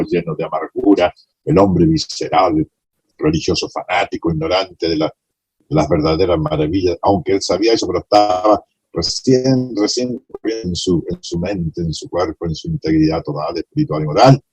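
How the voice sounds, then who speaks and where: A man's voice: low-pitched, a little mellow, breathy edge, no room sound, rough recording. A man preaching a sermon to a small congregation, passionately acting out the scene he tells. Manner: impassioned, acts out the blind man's pleas.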